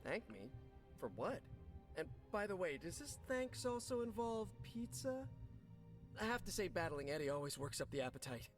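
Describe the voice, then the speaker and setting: A young wisecracking superhero in a video game. He is eager, chatty and self-deprecating, with a lightly high, very animated voice over faint music. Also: normal speed. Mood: friendly, eager.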